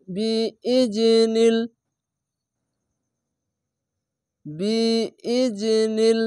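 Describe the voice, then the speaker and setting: A man with a Bangladeshi Bengali accent teaching Quran reading rules step by step, with slow drawn-out recited examples. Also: high-pitched, dry recording, clean studio sound. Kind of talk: spelled-out Quran recitation lesson.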